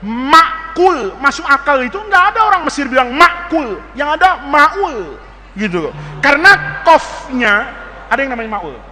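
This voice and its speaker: A man's voice: extremely high pitch, big pitch swings, moderate pace, pushed and bright, long reverb tail, faint music behind. A man with an Indonesian accent giving a playful religious lesson to students, joking and mimicking dialects as he spells out words. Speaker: Islamic teacher.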